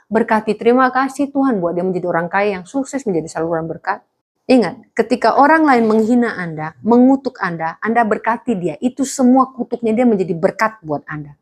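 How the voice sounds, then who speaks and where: A woman pastor preaching to students, lively, with jokes and small acted dialogues. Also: mid-range voice. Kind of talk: sermon to students.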